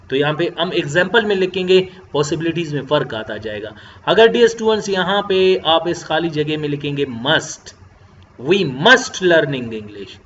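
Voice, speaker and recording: Man teaching grammar on a lo-fi recording. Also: fairly high pitch. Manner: slow deliberate reading of English example sentences between Hindi-Urdu explanation. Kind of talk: classroom grammar lecture. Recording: dull lo-fi sound with faint background noise.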